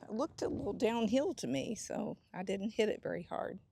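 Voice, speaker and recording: A woman's voice: medium pitch, normal speed, creaky, warm tone, slight background noise. A middle-aged woman hosting a casual golf vlog, chatting to herself on the course with a self-deprecating manner. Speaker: host.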